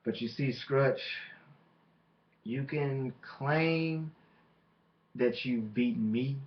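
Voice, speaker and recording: A man cuts a wrestling promo in a mid-pitched voice. He speaks slowly and deliberately, leaving dramatic pauses as he boasts and taunts. The recording is dull and lo-fi.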